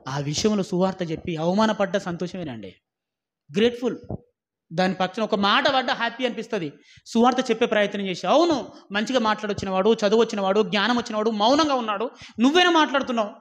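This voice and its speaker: High-voiced man preaching emphatically. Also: fast. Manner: emphatic, scolding, with many rhetorical questions to listeners; swings from loud exhortation to low, quiet warnings. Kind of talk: sermon.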